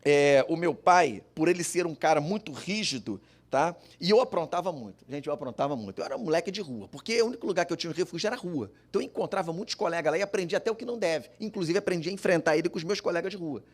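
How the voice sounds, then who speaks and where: A man's voice: on the high side, animated, fast, few pauses. A man giving an emotional personal testimony as a father at a public forum, acting out the voices of his family as he tells the story. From Brazil.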